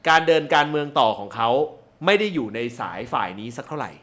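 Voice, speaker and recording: Lively-pitched man giving frank opinions. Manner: halting, restarting phrases, frank opinions. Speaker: political talk show panelist. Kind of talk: casual political chat.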